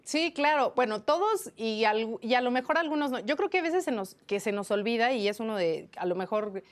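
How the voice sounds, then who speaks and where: A woman journalist from Mexico answering interview questions, explaining spelling rules in a lively, teaching way with many fillers. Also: fairly high pitch, a little fast. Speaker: journalist guest.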